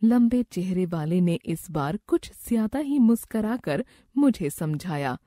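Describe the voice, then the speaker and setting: A woman narrates a moral story at an unhurried reading pace. Her voice sits a little low and sounds mellow and soft. The recording is dry and close, with no room sound. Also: animated, no room sound. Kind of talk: scripted first-person story narration.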